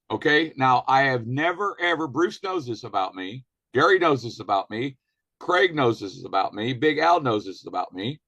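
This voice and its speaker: A man's voice: fairly high pitch, a bit bright. A man hosting a weekly business training call, talking emphatically and firing rhetorical questions and commands at listeners. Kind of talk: motivational business training talk.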